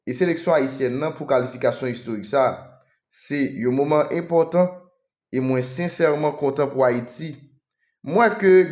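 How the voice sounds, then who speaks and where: A man's voice: medium pitch, darkish tone, reverberant. A man with a Haitian accent presenting sports news, moving between Creole and French and reading quotes aloud.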